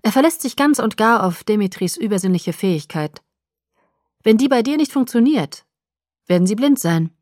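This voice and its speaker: A woman reading the lines of a confident young male vampire, calmly explaining a plan in a dry, close recording. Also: medium pitch, moderate pace, no room sound, natural voice.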